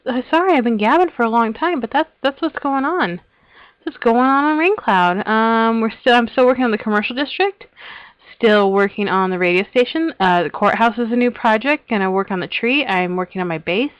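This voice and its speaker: A woman's voice: a little high, expressive, fairly quick, no echo, lo-fi sound. A woman casually narrating a tour of her game world, chatty and giggly, often trailing off and restarting her sentences. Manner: chatty, giggly, self-interrupting. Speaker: Minecraft server host giving a tour. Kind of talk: casual rambling vlog narration.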